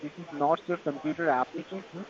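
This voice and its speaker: A man with an Indian accent giving a tech support pitch in a call-center manner, halting and repetitive in non-native phrasing. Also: heavy background noise. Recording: dull lo-fi phone call, busy chatter behind.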